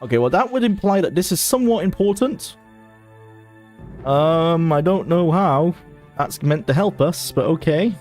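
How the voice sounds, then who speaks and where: A man's voice: a little high, animated, normal speed, a little mellow, soft background music. A man streaming a video game, chatting casually and thinking aloud in an amused way. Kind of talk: casual gameplay commentary.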